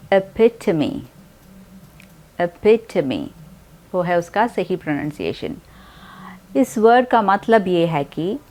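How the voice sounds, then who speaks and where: Slow-paced Indian woman teaching pronunciation. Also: medium pitch, darkish tone. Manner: spells out words slowly and repeats them for practice. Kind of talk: slow explanatory lesson.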